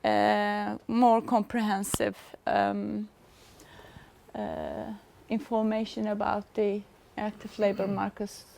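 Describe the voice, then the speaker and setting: A middle-aged woman from Turkey, giving a formal conference presentation as a researcher and pausing often to search for words. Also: medium pitch, little pitch movement, gravelly, darkish tone, slight background noise. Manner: halting, searching for words with frequent pauses.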